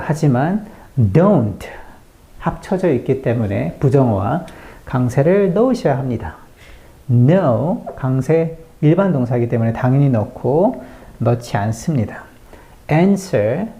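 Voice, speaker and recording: A native Korean speaker teaching an English lesson, patiently explaining word stress step by step and slowly reading out example sentences. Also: mid-range voice, warm tone. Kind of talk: online language lesson.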